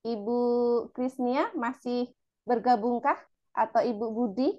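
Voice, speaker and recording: Indonesian woman moderating a webinar, fairly high voice, polite and calm. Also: unhurried, lo-fi sound. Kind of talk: webinar talk.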